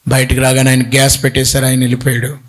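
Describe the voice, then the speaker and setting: A middle-aged man preaching a sermon, telling stories with acted-out voices and swings between loud pleading and quiet speech. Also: medium pitch, very fast. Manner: animated storytelling, acts out voices, pleading shouts. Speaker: bishop preaching.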